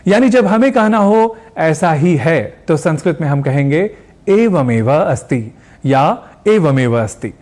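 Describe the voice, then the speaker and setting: A man presenting a pronunciation lesson on television, speaking with careful, deliberate enunciation and slowing down to model each sound. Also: a little high, a little mellow. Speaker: Sanskrit language teacher.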